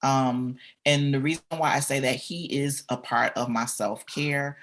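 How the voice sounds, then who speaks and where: A woman's voice: rumbling low, a little slow. A woman from Michigan, a counselor, talking earnestly and encouragingly as a podcast guest. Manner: earnest, encouraging, lists things off. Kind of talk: casual interview talk.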